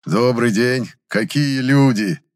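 A man's voice: medium pitch, fairly quick, darkish tone, pitched above the performer's own voice, natural voice. A man voicing a strict, fussy older male pharmacist who barks curt orders. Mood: fawning. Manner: barking, curt.

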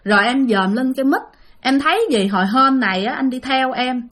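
A woman's voice: sits high, animated, a little fast, a bit bright. Woman doing a worried, coaxing husband.

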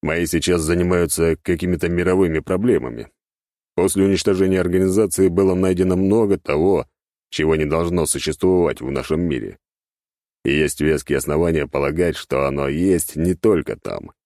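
A man narrating a first-person audiobook in a wry, lively storytelling manner on a close studio mic. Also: low-pitched, brisk, no echo.

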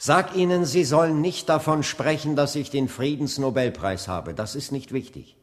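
An actor in a German radio drama plays an earnest civil rights preacher in his late thirties, his male voice on the high side yet close to an everyday one. He preaches in a solemn mood with measured, deliberate oratory, and a long hall reverb surrounds the recording.

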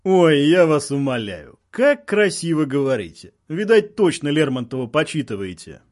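A man voicing a calm, mocking soldier who drawls through his nose. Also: a little high, normal speed. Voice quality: nasal. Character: nasal, mocking male soldier on a loudspeaker.

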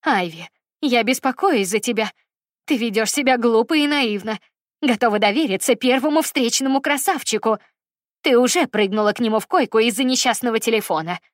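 Lady putting on a cold contemptuous mom, harsh and loud, pitched up a bit, dry close sound. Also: fairly quick, dry recording, close to an everyday voice. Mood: reproachful. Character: harsh scornful middle-aged mother, quick to anger.

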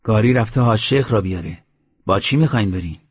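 A man's voice: on the low side, husky. A man reading the lines of a wise, pious village man in an audiobook, in an earnest way, on a dull lo-fi recording.

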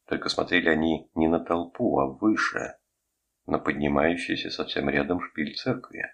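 Deep husky male audiobook narrator, steady and measured, gravelly tone. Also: muffled recording. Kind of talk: scripted narration.

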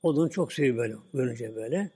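A male preacher retelling a story at a relaxed pace and tagging lines with the same filler word as he goes. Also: mid-range voice, racing, slightly rough. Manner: relaxed retelling, "böyle" at line ends. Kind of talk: religious talk with storytelling. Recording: long hall reverb.

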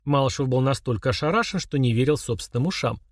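A man's voice: medium pitch, fast, no room sound. Male audiobook narrator, dry sound. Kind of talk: scripted narration.

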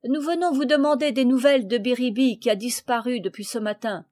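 A woman's voice: on the high side, brisk, a little mellow, lightly acted. Boastful, touchy boy, defensive and indignant, read by a woman.

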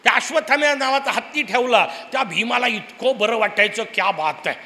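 High, bright-voiced preacher. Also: male voice, brisk. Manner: animated storytelling with rhetorical questions. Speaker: Purana discourse speaker. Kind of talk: religious discourse. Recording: long hall reverb.

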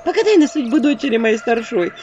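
A woman's voice: a little high, expressive, darkish tone, voice pushed up, lightly acted. A woman doing a syrupy fawning village woman. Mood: wailing. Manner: syrupy, wailing, drawn-out pleading. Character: fawning sly village woman, middle-aged. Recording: dull audio with faint noise.

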